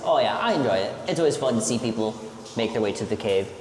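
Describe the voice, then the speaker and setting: Male cave guide, explanatory tour delivery, mid-pitched, heavily echoing cave acoustics with noise behind. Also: lively intonation, fast talker, a little mellow. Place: inside a cave, on a tour boat. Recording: echoey cave, long reverb, background noise.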